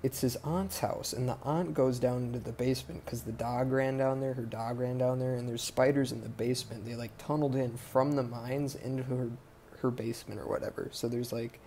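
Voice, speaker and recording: Male podcast host, gravelly, warm low tone, rambling profane recap, faint noise behind. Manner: rambling, profane, lots of fillers and self-corrections. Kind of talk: casual movie recap.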